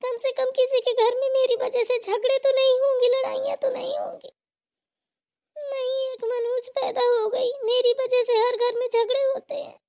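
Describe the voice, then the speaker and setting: A woman's voice: very high-pitched, flat delivery, moderate pace, hardly any pauses, darkish tone, dull audio. A woman voicing a tearful self-pitying cartoon sister. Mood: despairing. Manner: pleading, lamenting. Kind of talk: cartoon voice acting.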